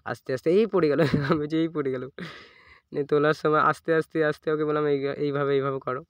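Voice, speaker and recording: A man's voice: on the high side, steady tone, quick pace, clear, resonant tone, no echo. A man telling a casual vlog story, quoting both sides of a conversation. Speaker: fitness vlogger.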